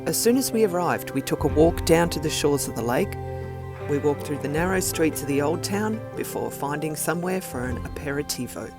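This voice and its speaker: A man giving a steady, scripted travel voice-over in an informative tour-guide manner. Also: on the high side, a little fast. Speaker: vlog narrator. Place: voice-over recording. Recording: voice over music bed. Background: clear background music.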